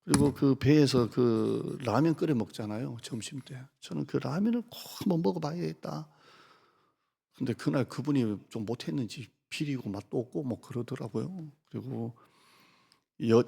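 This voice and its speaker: A middle-aged man delivers a Sunday sermon with a gravelly, slightly husky voice. He talks to the congregation like a conversation, tossing out questions and slipping into quoted lines. The sound carries the long reverb of a church sanctuary. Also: medium pitch, warm tone. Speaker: pastor.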